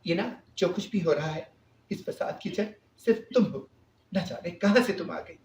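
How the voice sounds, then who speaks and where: Resentful sister-in-law as a man puts her on, higher pitch, sharp, roomy far sound. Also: a little hiss or hum. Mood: angry. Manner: sharp, accusing. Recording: roomy, distant, dull recording.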